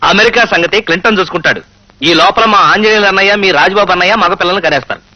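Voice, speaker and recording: An actor playing an eager, scheming young husband in a comedy film, talking briskly. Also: male voice, sits high, bright, forceful tone, no room sound. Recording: dull film audio with music.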